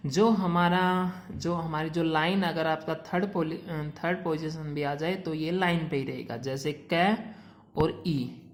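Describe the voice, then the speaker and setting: A woman teaching a shorthand class. She reads English rules slowly and explains them in mixed Hindi and English. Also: low voice, steady tone. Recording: echoey room.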